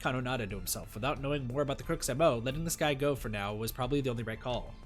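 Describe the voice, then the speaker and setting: A man's voice: medium pitch, very fast, soft background music. A young man streaming, reading a visual novel aloud with casual commentary. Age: young adult. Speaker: game streamer.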